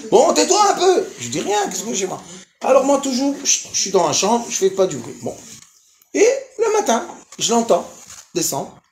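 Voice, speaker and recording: A man's voice: very high-pitched, moderate pace. A man in his fifties or older, a rabbi telling a story to a live audience, acting out the dialogue and laughing as he tells it. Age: 50s or older. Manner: animated, acts out dialogue, laughs while telling. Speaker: rabbi giving a lecture. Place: lecture hall. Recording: echoey lecture hall, faint noise.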